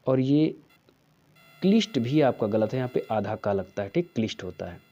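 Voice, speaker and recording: A man teaching a spelling lesson for exam preparation, going slowly through each answer and checking in with "theek hai". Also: mid-range voice, animated, dark tone, muffled recording. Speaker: Hindi teacher.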